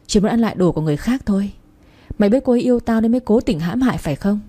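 A woman voicing a drunk, heartbroken young man who slurs his words and lashes out bitterly, with a husky, dark voice. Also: mid-range voice, lively intonation, racing, lightly acted. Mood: furious. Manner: slurred bitter shouting.

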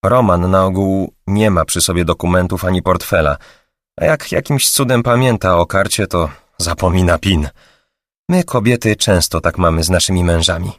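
A man's voice: low-pitched, moderate pace, fairly bright tone, dry recording, clean studio sound. A man voicing a curious young woman who chats casually while feigning innocence in an audiobook. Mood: chatty.

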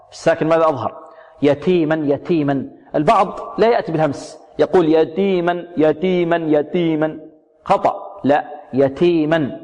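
A man teaching tajweed, repeating words slowly, drilling single sounds, asking and answering his own questions. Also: on the high side, a little mellow. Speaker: Quran recitation teacher. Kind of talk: tajweed lesson on pronunciation. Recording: long hall reverb.

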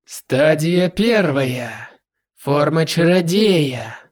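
A man voicing a smug, menacing male demon lord with a dry voice, speaking slowly and in a drawn-out way. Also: fairly high pitch, animated. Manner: slow, drawn-out, self-satisfied delivery.

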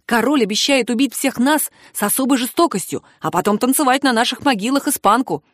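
A woman's voice: a little high, expressive, brisk, dry recording, clean studio sound. A woman doing a panicky young court clerk. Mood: alarmed. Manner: breathless, pleading delivery. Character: jittery young male court assistant, panicky.

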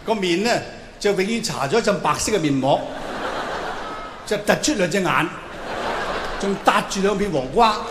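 The comedian's voice sits high, with lively intonation, a moderate pace and frequent pauses, as he theatrically performs a monologue of mock-sincere advice. It was captured in an echoey hall with long reverb and obvious noise.

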